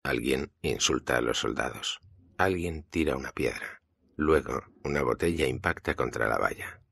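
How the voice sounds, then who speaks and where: A man from Spain, with a Spanish accent, reading an audiobook in a steady, measured way. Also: very deep voice, creaky, breathy edge, no room sound, studio quality. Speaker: audiobook narrator. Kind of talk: audiobook narration.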